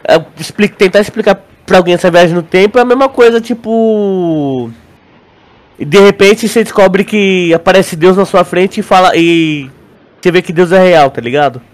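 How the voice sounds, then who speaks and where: A Brazilian podcast co-host chats casually and with slang while theorizing about a show, frequently repeating words as he hunts for the right phrasing. His voice sits high, and he talks at a normal speed.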